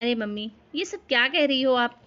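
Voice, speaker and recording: A woman voicing a spoiled, bossy young married daughter in an animated family story, snapping and shouting orders. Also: on the high side, normal speed, highs cut off. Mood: upset. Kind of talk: animated cartoon voice acting.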